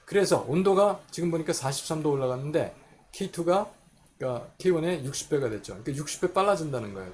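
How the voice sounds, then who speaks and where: Gravelly-voiced man teaching chemistry. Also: mid-range voice, a little mellow, slight background noise. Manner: explains step by step, asks and answers his own questions. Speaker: chemistry lecturer. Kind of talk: recorded university lecture.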